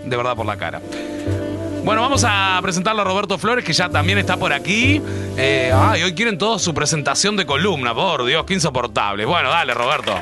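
A man with a Uruguayan accent hosting casual comic radio banter in an animated way. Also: a little high, brisk. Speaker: radio host. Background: background music.

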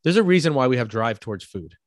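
The recording is dry, free of room echo, and features a male podcast co-host with a New York accent. His mid-range voice moves at a quick pace as he casually explains ideas through everyday examples, repeatedly asking "right?"

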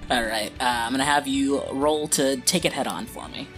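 A man acting as game master, improvising scene narration for a tabletop game in a halting, drawn-out way. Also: mid-range voice, a bit bright. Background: guitar music.

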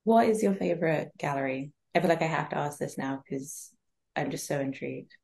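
A woman's voice: low voice, fairly quick, gravelly, darkish tone. A woman hosting a casual interview in an effusive, informal, chatty way. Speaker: interviewer, host.

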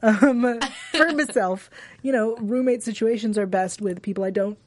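A woman's voice: on the high side, normal speed, no room sound. A woman hosting a casual TV after-show, chatting emphatically and repeating her points for effect. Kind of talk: casual TV recap chat.

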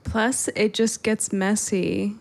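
A woman's voice: medium pitch, fairly even intonation, takes it slowly, gravelly, darkish tone. A woman co-hosting a casual advice podcast, adding dry quips and short comebacks. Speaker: podcast co-host. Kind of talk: casual chat.

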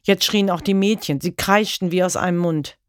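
A woman reading a story aloud in a measured, grave way. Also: lowish voice, clean tone, dry recording, studio quality. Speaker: narrator.

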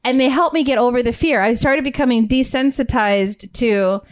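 A woman hosting a family podcast, telling a childhood story in an animated way and laughing often. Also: on the high side, normal speed. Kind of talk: casual family chat.

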